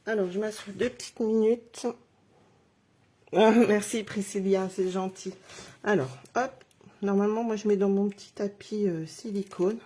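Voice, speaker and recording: A middle-aged woman talks viewers through a craft project live, narrating each step as she works. Her voice is warm and mellow with a slightly husky, breathy edge. She speaks in a chatty, encouraging way, addressing her audience directly. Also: medium pitch, steady tone, measured pace. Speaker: craft demonstrator.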